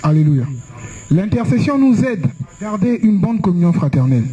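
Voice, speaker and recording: A man's voice: high voice, big pitch swings, normal speed, warm tone, breathy edge, lo-fi sound. A young man preaching a conversational sermon, telling personal stories and asking rhetorical questions.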